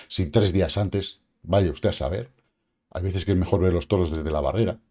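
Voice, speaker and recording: With a low, mellow voice and a Spain Spanish accent, a middle-aged man jokes his way through a casual to-camera talk on the crypto market. He speaks straight to his viewers with asides and a frequent "vale," filmed in a small indoor studio with purple lighting.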